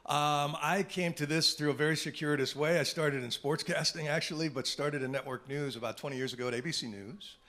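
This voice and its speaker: A middle-aged man, a television journalist, telling animated anecdotes to a panel audience. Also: a little high, fairly quick, few pauses. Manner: animated anecdotal storytelling with asides. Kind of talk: storytelling at a panel talk.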